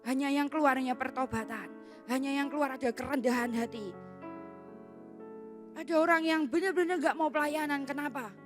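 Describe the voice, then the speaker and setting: A middle-aged woman preaches to a youth crowd in a high voice. She talks in a casual, colloquial way and slips into the voices of the people she quotes. Faint instrumental music plays under her. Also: normal speed, long pauses. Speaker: youth pastor. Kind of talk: sermon.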